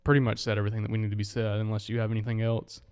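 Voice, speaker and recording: A man's voice: on the low side, flat delivery, very fast, darkish tone, smooth, big-room sound. A man of twenty co-hosting a casual podcast, leading the rundown in an easygoing way with frequent ums. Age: 20s. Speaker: podcast co-host. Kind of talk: casual chat.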